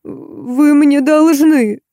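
A woman's voice: high voice, very slow, dark tone, dry recording, studio quality, voice pushed up, full character voice. A woman reading an audiobook, voicing a whining, begging old woman with a cracked, tearful voice. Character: whiny, wheedling old woman, a drinking pensioner.

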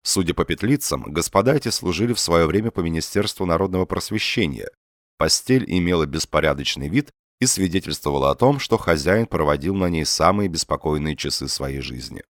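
A man narrating satirical prose in an audiobook reading with a wry, expressive delivery. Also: sits low, fairly quick, no echo, clean studio sound.

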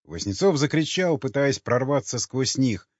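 Brief: male narrator, mid-pitched, even reading, slightly dull recording. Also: normal speed, no room sound. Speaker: audiobook narrator. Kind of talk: scripted narration. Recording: slightly muffled with faint music.

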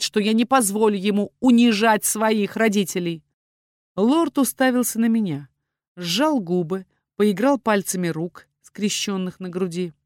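A woman's voice: mid-range voice, a little mellow, dry recording, clean studio sound. Woman narrating a fantasy audiobook. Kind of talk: scripted first-person narration.

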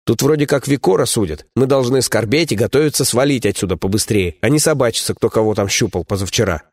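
A man's voice: medium pitch, fast talker, no room sound, clean studio sound, natural voice. A man voicing a scruffy young rogue, teasing and sly.

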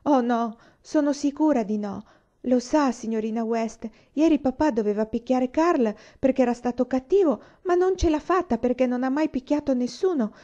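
A woman's voice: high-pitched, moderate pace, mellow, dull audio, pitched above the performer's own voice, lightly acted. A woman voicing a timid, tearful little girl who pleads earnestly in an audiobook reading. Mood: pleading. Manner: earnest, imploring, stammering.

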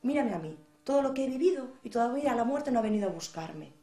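A storyteller woman voicing a patient elderly grandfather who speaks calmly and gently. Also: a little high. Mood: gentle. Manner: calm, gentle, unhurried. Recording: echoey room.

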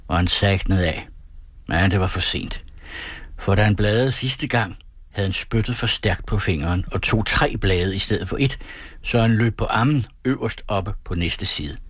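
A man narrating a story in a steady, measured audiobook reading. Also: on the low side, husky, no echo.

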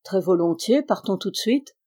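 A gallant young prince from a storybook, speaking gently and courteously, as a woman reader voices him. The tone is warm and mellow, close to her everyday voice. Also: medium pitch, lively intonation, normal speed, natural voice.

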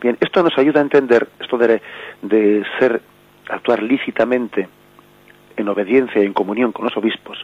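A Spanish bishop explaining the catechism on a radio program, with many fillers and rhetorical questions, speaking in a Spanish accent. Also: male voice, mid-range voice, normal speed, slightly rough, highs cut off. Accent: Spanish from Spain.

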